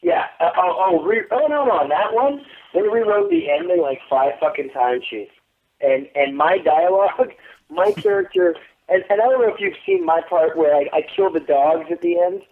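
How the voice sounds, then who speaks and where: Over a tinny phone line, an actor in his thirties gives a casual interview, telling stories with plenty of swearing and bragging and putting on voices to quote what others said. His voice is a little high, at a moderate pace.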